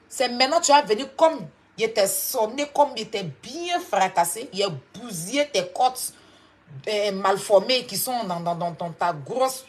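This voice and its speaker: Heated Ivorian woman scolding a rival. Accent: Ivorian French. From Côte d'Ivoire. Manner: confrontational, mocking, swings between loud outbursts and low scolding. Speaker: online commentator. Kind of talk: heated clash monologue.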